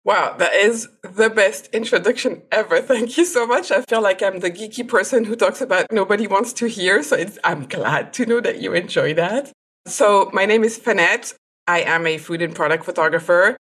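A woman's voice: mid-range voice, moderate pace, a bit bright, slightly rough. A woman from France, a photographer and podcast guest, who talks in a chatty way and laughs often. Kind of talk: podcast interview.

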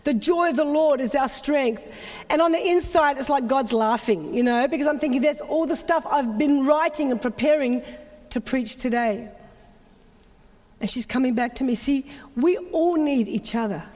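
A woman's voice: high-pitched, moderate pace, darkish tone. A middle-aged woman pastor, preaching an emotional, confessional sermon full of repeated phrases. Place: church sanctuary. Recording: long reverb of a large hall.

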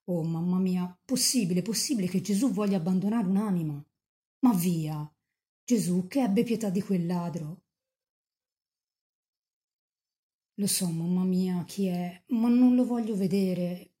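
A woman's voice: deep voice, unhurried, pauses often, warm tone. A woman reading aloud the words of a young woman mystic in rapture, pleading tenderly and fervently with Mary.

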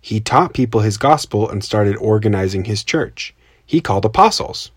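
Male kids' podcast co-host, fairly low voice, simple explanatory storytelling, dry makeshift home recording. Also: animated, normal speed, breathy edge, no echo. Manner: simple child-directed explaining. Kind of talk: scripted children's storytelling podcast. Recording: makeshift home recording without usual mic.

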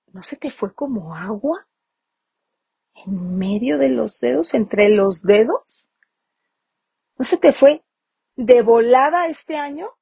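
Husky-voiced woman, emphatic motivational host. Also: on the high side, darkish tone, no room sound. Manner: emphatic, repeats phrases for stress. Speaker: podcast host. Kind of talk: motivational business podcast.

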